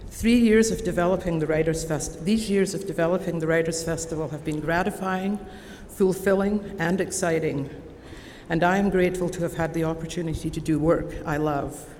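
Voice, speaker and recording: This is an honorary degree recipient, a woman in her sixties from Scotland with an Edinburgh accent and a lowish voice, addressing a convocation from a podium. Her formal, prepared ceremonial speech comes across as measured, deliberate and warmly earnest. Sound: long hall reverb in a large convocation hall, faint background noise.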